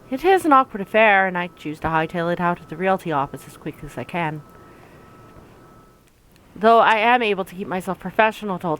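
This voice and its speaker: A woman reading first-person narration from a visual novel aloud in an even, reflective way. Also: on the low side, a little hiss or hum, rough recording. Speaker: let's play narrator.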